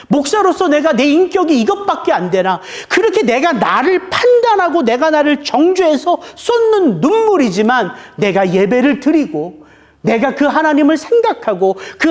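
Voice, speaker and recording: A middle-aged male pastor delivering a heartfelt sermon. His pitch rises and falls in wide, lively swings, and he slows to a deliberate pace on the words he stresses. His tone is earnest and emotional. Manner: emotional preaching, slowing down on key words.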